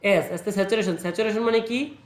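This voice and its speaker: A man teaching a computer class, patient and reassuring, repeating words slowly for a student. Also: high-pitched, roomy sound.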